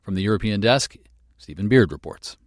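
A man's voice: fairly low pitch, animated, a little fast, no echo. A man hosting a radio news programme, presenting scripted stories in a studio.

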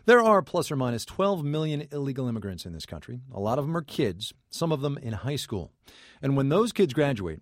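A man presents a scripted story introduction as a radio host. His medium-pitched voice moves up and down a lot, in a very dry recording. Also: no room sound.

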